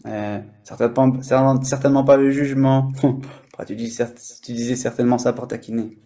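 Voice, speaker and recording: Man, live stream host, casual explanations, lots of fillers, mellow tone. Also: mid-range voice, steady tone, moderate pace. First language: French. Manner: chatty, explains with many fillers and restarts.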